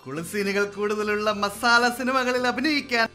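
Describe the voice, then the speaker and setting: A woman's voice: medium pitch, normal speed, bright, forceful tone, lightly acted. A woman voicing a boastful, scheming middle-aged father who brags about his actress daughter, with faint music behind. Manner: bragging, sly, scheming.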